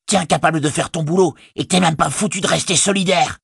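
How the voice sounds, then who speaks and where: A man's voice: medium pitch, expressive, moderate pace, vocal fry, a bit bright, husky, dry recording, clean studio sound, pitched above the performer's own voice, heavily acted. A man voicing a whiny, sneering male orc tracker in an audiobook, his voice raised into a snarl. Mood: furious.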